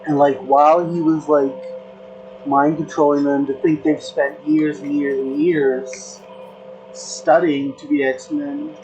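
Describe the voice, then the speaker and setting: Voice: mid-range voice, little pitch movement, darkish tone, lo-fi sound, faint music behind. A content creator chatting casually, rambling with many fillers and restarts. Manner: rambling, filler-heavy, slow. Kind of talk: casual chat.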